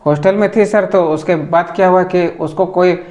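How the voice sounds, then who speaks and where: Earnest man with a fairly high voice. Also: steady tone, moderate pace, darkish tone. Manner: earnest, respectful, addresses interviewer as sir. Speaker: complainant telling his story. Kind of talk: recounting a personal complaint to a reporter. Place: news office.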